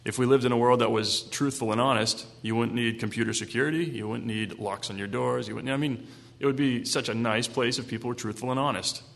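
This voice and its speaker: A man's voice: medium pitch, fairly even intonation, brisk, creaky, fairly bright tone. A male preacher reading scripture aloud and then retelling it in casual language. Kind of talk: Bible reading with sermon commentary. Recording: long hall reverb.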